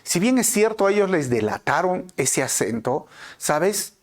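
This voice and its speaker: A man with a Peruvian Spanish accent teaching a Bible passage in a conversational way, often checking in with his listeners. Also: a little slow. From Peru. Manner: conversational, frequent tag questions, animated swings in pitch. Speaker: pastor.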